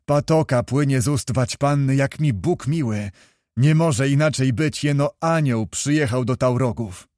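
A man voicing a hearty old nobleman with a huge mustache in a read storybook, given to booming, fervent exclamations. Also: unhurried, darkish tone, no echo, clean studio sound, natural voice.

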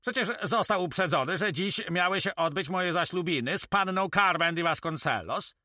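A man's voice: high-pitched, normal speed, sharp tone, dry recording, clean studio sound, pitched above the performer's own voice. A man voicing an impatient, haughty young nobleman in an audiobook, demanding and indignant.

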